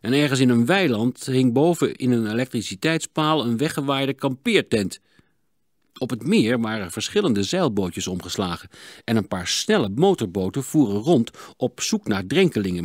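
A man narrating a children's audiobook in an expressive, dramatic reading. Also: lowish voice, no echo, studio quality. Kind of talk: storybook narration.

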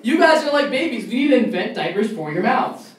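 A man's voice: extremely high pitch, sing-song, fairly quick. Young guy doing standup, fake-angry ranting, roomy echo and a bit of hiss. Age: young adult. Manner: mock-outraged, ranting. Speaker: stand-up comedian. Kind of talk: stand-up comedy set. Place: college comedy club show. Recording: echoey room, mic far off, faint noise.

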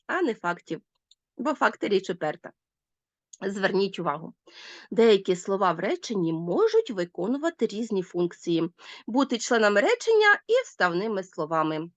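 A woman teacher giving a recorded video lesson to schoolchildren, with emphatic, lively teacherly intonation as she addresses her pupils. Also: medium pitch, no echo, muffled recording.

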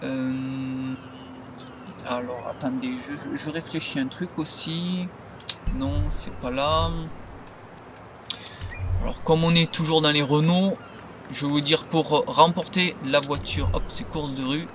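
A man's voice: a little high, fairly even intonation, takes it slowly, pauses often, background noise. A man giving loose, rambling commentary over his gameplay as a gaming video creator.

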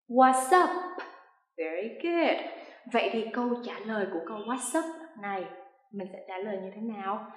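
Slow, echoey woman teaching English. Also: on the high side. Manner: slow drilling with repeat-after-me phrases. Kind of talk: language lesson. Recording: echoey room with long reverb.

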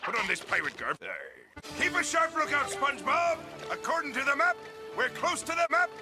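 A blustery, greedy old crab captain from a cartoon, barking pirate talk in a highish, swooping voice. His bellowing lines rise and drop widely, with clear music playing behind. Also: expressive, normal speed. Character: greedy gruff crab ship captain, money-loving.

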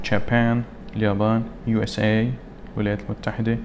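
A man teaching an English lesson. He reads English words slowly and then translates them. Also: on the low side, completely flat delivery, darkish tone, a little hiss or hum. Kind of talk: recorded classroom lesson.

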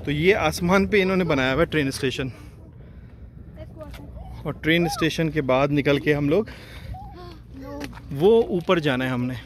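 A man's voice: a little high, normal speed, pauses often. A man casually narrating a travel vlog, chatting to viewers and pointing out the views while out on a mountain and then in a hilltop restaurant. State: short of breath while hiking. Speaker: travel vlogger.

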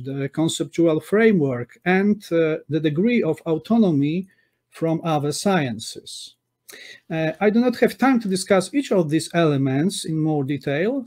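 A man whose first language is Polish, giving a measured academic conference talk over a video call, with frequent "uh" pauses and self-corrections. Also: a little high, mellow. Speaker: conference speaker. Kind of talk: academic lecture over slides. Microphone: webcam on a video call.

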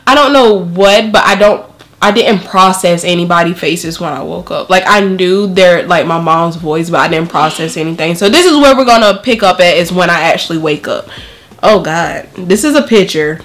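A woman in her twenties vlogging in a casual, expressive storytelling style, recorded in a small bedroom. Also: on the low side, normal speed. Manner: expressive, acts out quoted exchanges. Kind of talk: casual storytelling and reaction commentary.

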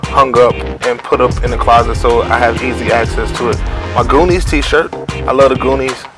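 A man from Cleveland in his thirties giving a relaxed, chatty closet-tour vlog narration at home. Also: medium pitch, moderate pace, music in the background. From Cleveland, Ohio. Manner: relaxed, chatty, uses lots of fillers like "so yeah" and "like". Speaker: family vlogger.

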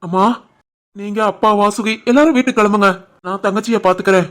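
A woman voicing an anxious young man, a devoted elder brother, in an animated family drama, pleading and earnest, with a Tirunelveli Tamil accent. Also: mid-range voice, fast, natural voice. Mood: firm.

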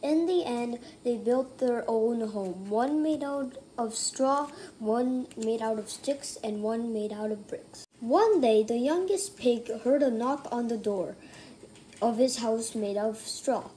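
A woman's voice: a little high, takes it slowly, warm tone, slight background noise, rough recording. A woman reading a fairy tale aloud, with small slips and restarts along the way. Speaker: storyteller.

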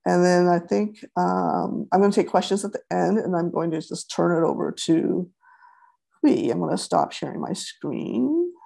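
A woman's voice: fairly low pitch, lively intonation, moderate pace, creaky, mellow. A woman giving a webinar presentation over a video call, hesitant, with many fillers and restarts.

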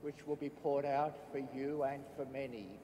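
A priest reciting the prayers of the Mass in a measured, solemn intoning voice, with cathedral echo. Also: male voice, medium pitch, fairly even intonation. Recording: echoey church with long reverb, faint background noise.

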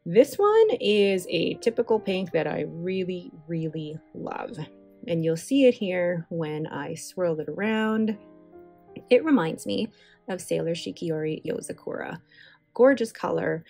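A stationery channel host from Filipino heritage swatches inks in a casual, enthusiastic voice-over that wanders into rambling asides. Her voice sits on the low side, gravelly yet mellow, with lively intonation and an unhurried pace. Faint music plays behind this separately recorded track.

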